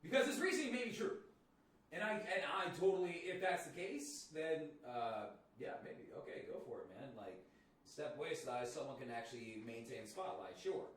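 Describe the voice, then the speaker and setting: A man's voice: a little high, very animated, normal speed. Profane laid-back man in an echoey room. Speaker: podcast co-host. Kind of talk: casual podcast chat. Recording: echoey room, mic at a distance.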